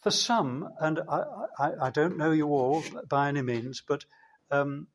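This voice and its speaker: A man preaching a sermon in a church, slow and measured, with emphatic pauses. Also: fairly high pitch.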